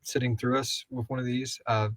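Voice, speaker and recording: A man co-hosting and producing an audio drama podcast reads out and answers listener questions during a live Q&A, rambling and joking informally. His mid-range voice keeps a level tone at a moderate pace, recorded dry.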